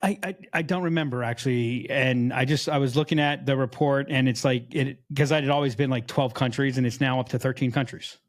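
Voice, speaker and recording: A man's voice: medium pitch, fairly even intonation, fairly quick, few pauses. A man co-hosting a podcast in casual chat, blunt and joking, teasing his co-host.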